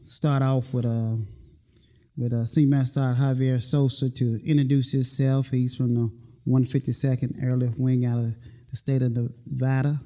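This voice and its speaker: A man from North Carolina with a slow Southern drawl, hosting a conversational interview as a military chief. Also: medium pitch, flat delivery, warm tone. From North Carolina, USA. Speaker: host, military command chief.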